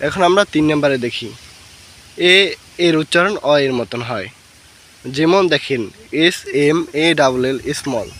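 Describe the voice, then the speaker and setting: A man with a slightly raised voice runs a patient phonics lesson. He spells each word out letter by letter and then pronounces it slowly. He repeats the rule between the examples, in a plain teaching tone. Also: on the high side, fairly bright tone. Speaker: English reading teacher.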